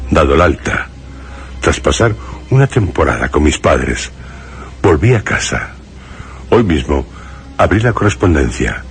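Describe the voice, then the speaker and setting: In a Spanish suspense-and-horror radio drama, an actor with a Castilian accent narrates in the first person as a haunted, horrified man recounting his ordeal. His bass voice is exaggerated and he speaks in grave, halting phrases. Prominent music plays under the voice.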